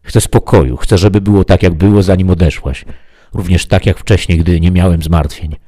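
A man's voice: low-pitched, fairly even intonation, normal speed, mellow. A man reading aloud, voicing a weary, obsessed male wanderer who cries out in despair.

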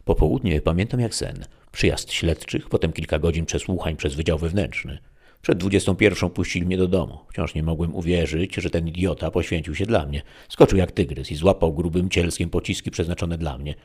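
Deep, gravelly male narrator. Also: fairly quick, a little mellow. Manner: wry, sardonic storytelling. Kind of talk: first-person audiobook narration.

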